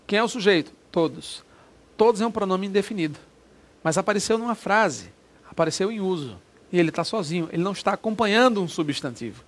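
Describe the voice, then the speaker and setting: A man's voice: high voice, lively intonation, fast. A man teaching a grammar lesson for an exam, explaining step by step and asking himself rhetorical questions.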